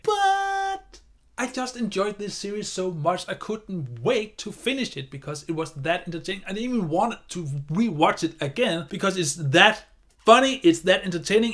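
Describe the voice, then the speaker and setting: A man's voice: a little high, a bit bright. A man giving a casual video review of a TV series, enthusiastic and rambling, often circling back on his points.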